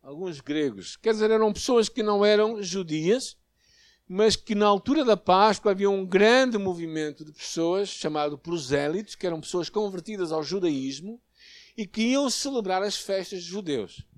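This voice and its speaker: A man with a European Portuguese accent preaching a sermon, earnest and measured, with hesitations and emphatic rises. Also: high voice, no room sound. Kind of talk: sermon with prayer and Bible reading.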